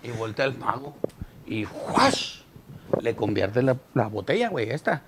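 A man's voice: medium pitch, sing-song, a little slow, heavy background noise. A man with a Mexican accent telling crude jokes as a comedian, rambling and profane with many restarts.

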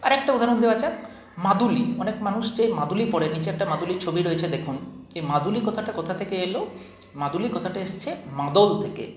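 A man's voice: sits high, animated, quick pace. Man lecturing from slides, echoey room. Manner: explanatory, poses questions then answers them. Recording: echoey room with faint noise.

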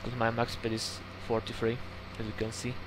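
Game sounds and engine hum fill the background as this young YouTuber, Slovak-accented, gives rambling, chatty commentary on a farming game, laughing and swearing mildly. His mid-range voice is monotone at a moderate pace.

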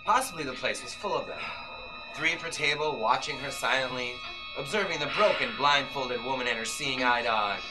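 A man in his thirties, medium-pitched, reads his own novel as a suspenseful old-time radio play, phrasing things deliberately and dramatically. It's a live performance for a small audience in an indoor, magazine-lined shop, captured by a camera some distance away in the crowd. Loud live violin and keyboard music makes the audio poor.

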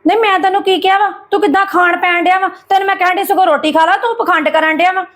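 Lady playing a bossy mom, super high pitched, rattles off scolding quick. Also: fairly even intonation, a bit bright. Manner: fast, scolding, nagging. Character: sharp-tongued mother, scolding and overbearing. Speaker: actor in a family drama. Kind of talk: amateur drama acting.

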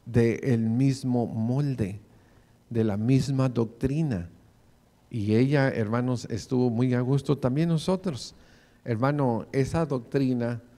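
A man's voice: medium pitch, warm tone. A man in his forties preaching a sermon in a church, often calling the listeners brother. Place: church sanctuary, in front of the pulpit. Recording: long church reverb.

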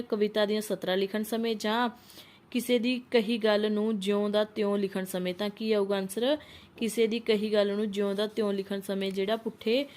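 A woman's voice: medium pitch, a little mellow. Woman quizzing through exam questions. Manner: reads each question and options, then asks and answers herself. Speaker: teacher. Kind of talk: exam-prep MCQ lesson.

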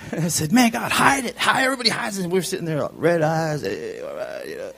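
A man from California in his fifties preaching a sermon with personal testimony, moving from quiet, low storytelling to shouted preaching. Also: very animated, normal speed, creaky, breathy edge.

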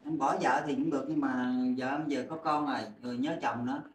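A man, a husband, answering interview questions in a quiet, halting way. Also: medium pitch, steady tone, a crowd in the background.

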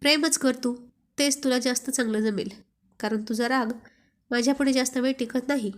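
A teasing young husband coaxes his wife over and over, voiced by a woman reading a storybook aloud. He is playful and insistent, with a fairly high voice. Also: steady tone, brisk, close to an everyday voice. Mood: teasing, coaxing. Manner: teasing, coaxing.

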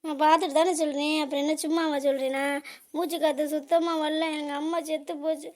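A woman's voice: sits high, little pitch movement, fairly quick, darkish tone, natural voice. A woman voicing an adult daughter in a cartoon comedy, wailing and accusing her relatives.

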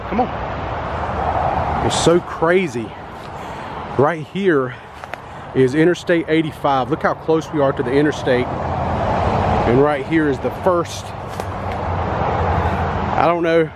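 Holding his phone out at arm's length, a forties-aged urban explorer vlogs as he strolls next to a busy highway. Cars pass constantly behind his easygoing, meandering talk, which is peppered with "uh"s.

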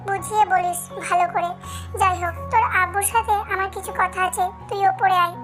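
A woman's voice: extremely high pitch, steady tone, brisk, a bit bright, soft background music. A woman voicing a stern middle-aged mother who scolds firmly.

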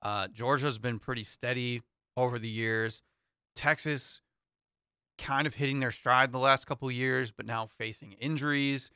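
A man's voice: mid-range voice, fairly even intonation, normal speed, sharp tone, smooth, dry recording, clean studio sound. A young man co-hosting a casual sports talk show, easygoing and hedging his thoughts with fillers. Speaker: co-host.

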